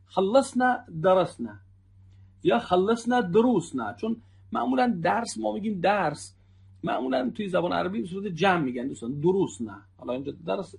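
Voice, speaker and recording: A man in his thirties with a slightly high, gravelly voice and a husky edge, teaching a language lesson as a native Persian speaker. He repeats each phrase and slows down to drill new words. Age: 30s. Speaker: Arabic teacher.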